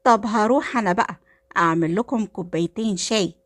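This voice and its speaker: A woman's voice: mid-range voice, fast talker, dry recording, natural voice. A woman voicing a fussy middle-aged mother with an Egyptian accent, sweet-talking and watchful. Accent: Egyptian Arabic. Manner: sweet-talking, then suspicious.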